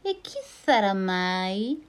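A woman voicing a sly, nervous female snake in a storybook reading, with high, fluttery exclamations. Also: very animated, takes it slowly, smooth. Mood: curious.

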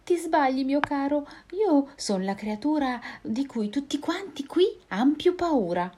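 A woman voicing a small, clever, boastful male mouse in a storybook reading, chirpy and quick-witted. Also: high voice, animated, darkish tone, slight background noise, voice pushed up.

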